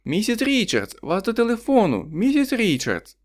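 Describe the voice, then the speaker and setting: A man's voice: a little high, sing-song, brisk, voice pushed up. A man reading an audiobook, voicing a spiteful, gossiping woman neighbor with a sly, sneering manner.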